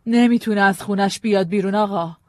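A woman's voice: mid-range voice, darkish tone, no echo, studio quality, lightly acted. A woman voicing a frightened, hesitant wife. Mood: anxious. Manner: hesitant, stammering, pleading. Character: frightened, guarded woman, wife of an arrested man. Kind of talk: audiobook drama reading.

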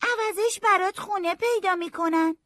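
A woman's voice: very high voice, fairly bright tone, no room sound, clean studio sound. A woman voicing a defiant, mocking boy who shines shoes, in a storybook reading. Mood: scornful. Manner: cocky, mocking.

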